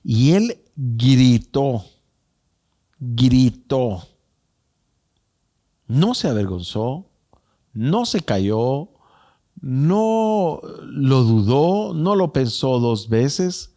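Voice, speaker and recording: A male pastor preaching a sermon, repeating phrases for emphasis and swinging between raised cries and hushed lines. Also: medium pitch, very animated, extremely slow, pauses often.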